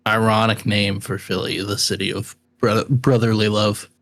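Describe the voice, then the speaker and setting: A man's voice: on the low side, little pitch movement, moderate pace, a bit bright. A man co-hosting a podcast, talking casually with friends. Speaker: podcast co-host. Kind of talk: casual chat.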